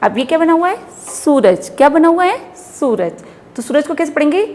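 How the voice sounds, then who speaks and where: Indian woman primary teacher, fairly high voice, deliberate pace, long reverb on the recording. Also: animated, a little mellow. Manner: slow, drawn-out syllables for children to repeat. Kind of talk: children's phonics lesson.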